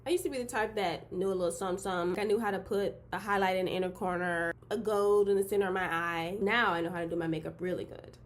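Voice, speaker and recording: A young woman from Detroit, a model turned beauty vlogger, introducing herself in a bubbly, excitable way with giggly bursts. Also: medium pitch, fast, hardly any pauses, a little hiss or hum. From Detroit, Michigan. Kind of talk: casual intro vlog.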